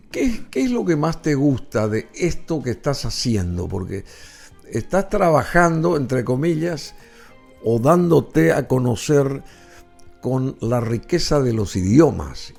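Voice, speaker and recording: A man's voice: mid-range voice, very animated, measured pace, creaky, darkish tone, soft background music. A man hosting an interview, asking long, hesitant, rambling questions. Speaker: interviewer host.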